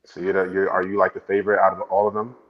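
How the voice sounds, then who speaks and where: Casting: thirties man, very deep, quick talker, dull lo-fi clip audio. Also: level tone. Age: 30s. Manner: asks question after question. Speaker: dating show contestant. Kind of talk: casual conversation in a clip.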